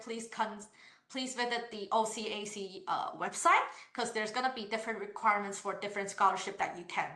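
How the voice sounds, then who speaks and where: In an online session, a woman from university admissions reads questions aloud and answers them in a mid-range, sharp-toned voice. She is polite and explanatory but hesitant, with frequent "uh" fillers and restarts. Her computer mic picks up a roomy echo.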